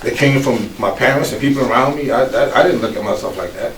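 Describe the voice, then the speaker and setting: Animated man in his fifties telling his story. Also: mid-range voice, fast talker, slight background noise. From United States. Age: 50s. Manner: animated storytelling, with laughs and acted-out quotes. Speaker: guest speaker, former pro football player. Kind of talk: personal life story told to an audience. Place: office room. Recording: echoey room, distant mic, faint ambience.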